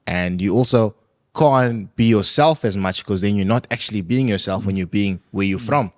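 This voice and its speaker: A man's voice: on the low side, moderate pace, no room sound, clean studio sound. A young man from Congo with a Cape Town accent, hosting a casual podcast interview in an easygoing, slangy way. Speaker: podcast host. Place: podcast studio.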